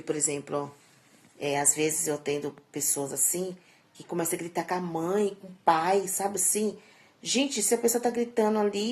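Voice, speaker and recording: A middle-aged woman speaks straight to her viewers in a casual vlog, with a gravelly, creaky edge to her voice. She talks in a chatty, preachy way and keeps tagging her sentences with little questioning asides. Her tone grows emphatic and scolding as she lectures. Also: medium pitch, darkish tone. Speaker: vlogger. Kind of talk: casual vlog monologue giving life advice.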